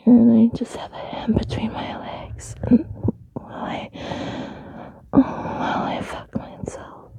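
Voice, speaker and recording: A young adult woman in an intimate whispered recording at home, talking into a close mic with breathy whispers, soft laughs and sighs. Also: a little high, rough recording. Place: room at home, on carpet. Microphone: close handheld mic.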